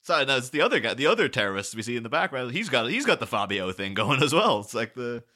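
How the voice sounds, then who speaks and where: A man with a mid-range voice talks fast while hosting a casual podcast about films. He's animated and rambling, laughing as he goes.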